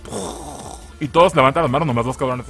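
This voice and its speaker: A man's voice: medium pitch, fairly quick, fairly bright tone, soft background music. A man with a Mexican Spanish accent giving a casual spoken video review, joking, swearing and laughing often.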